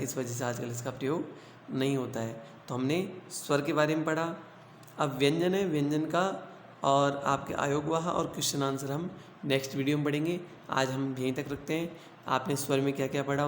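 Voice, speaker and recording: A man's voice: mid-range voice, steady tone, brisk. A man teaching a grammar lesson to school students, asking questions aloud, answering them himself and repeating the key points. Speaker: Hindi teacher. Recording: echoey room with long reverb and faint hiss.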